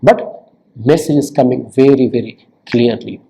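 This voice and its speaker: A man giving a recorded literature lecture, explaining slowly, repeating words for emphasis and filling pauses with "you know" and "uh". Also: medium pitch, dark tone, a little hiss or hum, rough recording.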